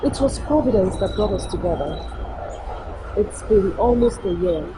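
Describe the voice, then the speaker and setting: A woman's voice: mid-range voice, expressive, normal speed, background noise, close to an everyday voice. An actress with a Nigerian accent playing a stubborn, lovesick young woman who defends herself. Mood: defensive.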